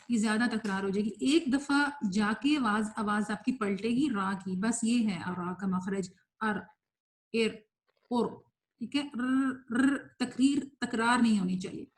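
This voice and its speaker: A woman with a Pakistani Urdu accent teaching Quran pronunciation, explaining patiently and modelling slow drawn-out examples. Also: fairly high pitch, darkish tone. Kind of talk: recorded online tajweed lesson.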